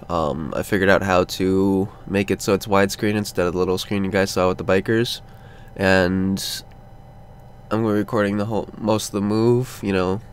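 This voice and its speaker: Sleepy male vlogger, rambling and drowsy, lower voice, faint background noise. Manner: drowsy and rambling, lots of ums and sighs. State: sleepy, just woke up. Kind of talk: casual update vlog. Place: cold room at home, under a blanket.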